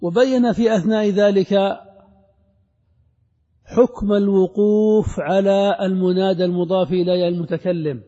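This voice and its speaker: A man teaching classical Arabic grammar, reciting verse lines and examples slowly before explaining them. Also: high-pitched, fairly even intonation, warm tone, long reverb tail, lo-fi sound.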